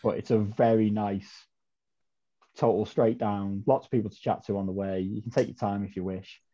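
A chatty man guesting on a podcast, rambling through his story with plenty of ums and restarts. His voice sits fairly low and sounds dark and mellow. The audio is dull and lo-fi. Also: fairly even intonation, moderate pace. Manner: chatty, rambling, with frequent ums and self-corrections. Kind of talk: casual storytelling chat.

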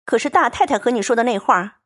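Fierce young maid read by a woman, sharp, scolding tongue, high voice swinging wildly, dry audiobook sound. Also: lively intonation, fast. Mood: scornful.

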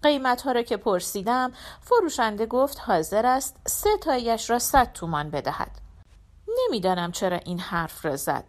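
A woman narrating a first-person short story in a reflective, expressive reading style. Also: a little high. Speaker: audiobook narrator.

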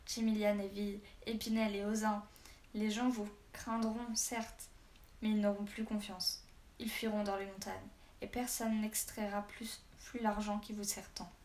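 A woman's voice: medium pitch, flat delivery, measured pace, a little mellow, lightly acted. A woman voicing a blunt, defiant old man of a village, speaking firmly, recorded with a roomy echo. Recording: roomy echo, faint background hiss.

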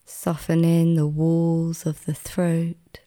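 A woman guiding a relaxation meditation like a sleep story narrator, soothing and gentle, with a soft, sometimes breathy voice and long pauses. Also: low-pitched, monotone. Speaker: meditation guide.

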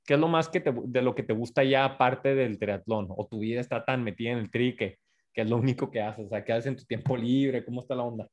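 Mexican podcast host, man, mid-pitched, easy slang and rambling questions. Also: fast talker. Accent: Mexican Spanish. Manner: slangy, relaxed, long winding questions. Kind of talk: casual conversational interview.

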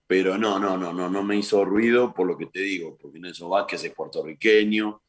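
A man's voice: low voice, fairly even intonation, normal speed. A man, a boxer's manager answering critics defensively and repeating his questions in a heated argument.

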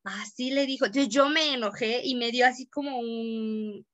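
A woman's voice: a little high, moderate pace, a bit bright, muffled recording. A young Mexican woman co-hosting a podcast, telling a story in casual chat full of slang. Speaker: podcast co-host.

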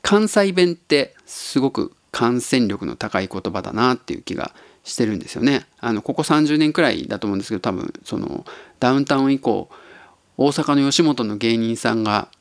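A man's voice: mid-range voice, expressive, fairly quick, vocal fry, no room sound. Easygoing man musing in a dry voice. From Tottori, Japan. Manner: easygoing, musing, chuckles often. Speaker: podcast host. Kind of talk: casual solo podcast talk.

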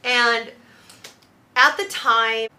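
A woman hosting a podcast, chatting in a brash, animated way and swearing freely. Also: fairly high pitch, very slow. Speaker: podcast host. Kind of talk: casual chat.

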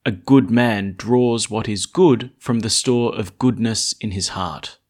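A man, a priest, speaking at Mass in a church, deliberate when reading and conversational when explaining. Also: on the low side, a little mellow. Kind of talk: Gospel reading and informal homily at Mass.

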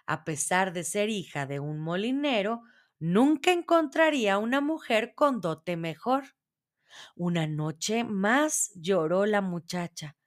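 A woman storyteller narrating a children's fairy tale in a measured, expressive reading voice. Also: medium pitch.

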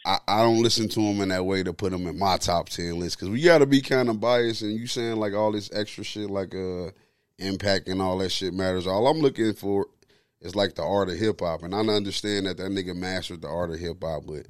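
A man's voice: low voice, fairly quick, clean tone, no echo, clean studio sound. A man chatting casually, opinionated and slangy, with plenty of swearing, as he argues a ranking. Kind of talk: casual chat, ranking favorite rappers.

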